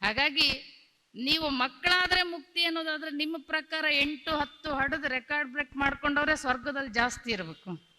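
A woman's voice: sits high, normal speed, bright, forceful tone, long reverb tail. A woman preacher giving a religious discourse, repeating lines in rhythm and telling stories. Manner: tells stories, acting out quoted voices. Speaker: spiritual preacher.

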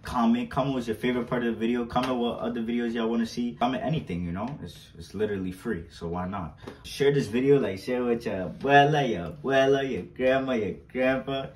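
A man's voice: medium pitch, a little fast, a little mellow. Young man, casual vlog host; reverberant room sound, light background hiss. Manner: chatty, slangy, repeats himself, pleads for likes. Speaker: vlogger. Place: small bright indoor room. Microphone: fixed camera a few steps away. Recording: roomy, distant camera sound.

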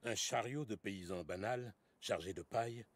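Man narrating a fantasy game story, real deep voice, husky, slow and measured. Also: natural voice. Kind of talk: scripted narration.

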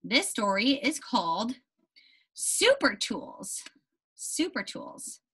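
In a small indoor room with a whiteboard, a young woman who teaches elementary school reads aloud to young children, stressing and repeating key words and checking in often. Her slightly high, sing-song voice is bright, husky and forceful, she speaks slowly and expressively, and the audio is poor.

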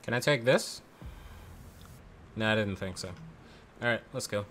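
A man's voice: on the low side, measured pace, fairly bright tone, a little hiss or hum. Offhand, joking man gaming. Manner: offhand, joking, muttering to himself. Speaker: gamer. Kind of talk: casual game commentary.

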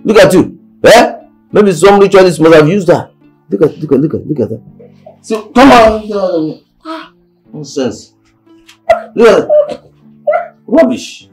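A man's voice: sits high, sing-song, a little slow, long pauses, a little mellow, soft background music, low-quality recording. An actor with a Nigerian accent playing an angry father who scolds his wife, ranting and mocking, stumbling over repeated words. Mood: scolding.

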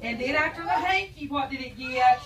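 An expressive, high-pitched woman's voice, a bit bright and at normal speed, belongs to an adult preschool teacher. After reading aloud, she quizzes and praises her young class, heard distantly in an echoey room.

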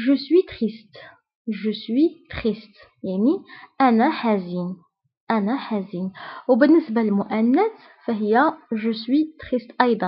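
A woman with a Moroccan Arabic accent teaching vocabulary in a breathy, fairly high voice. She says each example phrase slowly and repeats it, then explains briskly. The sound is dull and lo-fi. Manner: slow deliberate repetition of example phrases. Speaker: French teacher. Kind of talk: scripted language lesson. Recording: dull lo-fi recording.

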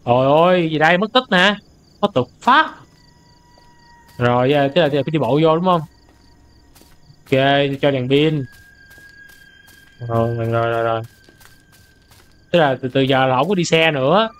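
A young man doing let's-play commentary on a horror game, easily startled into loud outbursts and translating the game's English lines aloud as he goes. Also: medium pitch, normal speed, pauses often, clear, resonant tone. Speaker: gaming streamer.

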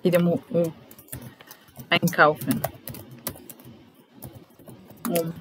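A language teacher, a woman with a low voice, leads a vocabulary lesson slowly and in a level tone, dictating word by word and repeating phrases in a deliberate, instructional way. She's in a small indoor room, and the low-quality recording picks up background noise, including keyboard typing.

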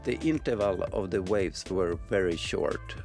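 Reading from a script, this middle-aged Swedish sailor and vlogger, originally from the Swedish mountains, tells a travel tale in accented English. He speaks a little slowly in a low-pitched, creaky, slightly mellow voice. Music plays beneath the voice-over.

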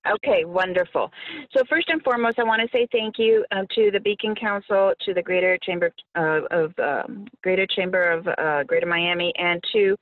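A woman's voice: medium pitch, normal speed, few pauses, no echo, recorded from a distance. A woman, an agency district director, opening a presentation with cheerful thanks. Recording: tinny dry phone line.

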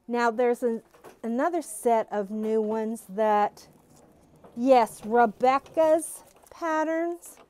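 On a casual tour of new stock in a quilt shop, a middle-aged woman gushes with bubbly enthusiasm, talking through a face mask to a phone camera that follows her. Her voice is on the high side, warm, and takes it slowly.

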